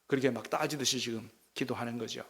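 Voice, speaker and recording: A man's voice: mid-range voice, steady tone, quick pace, creaky, bright, forceful tone. A man, a senior pastor, preaching at a weekday prayer meeting in a church, reading scripture aloud and questioning the congregation directly.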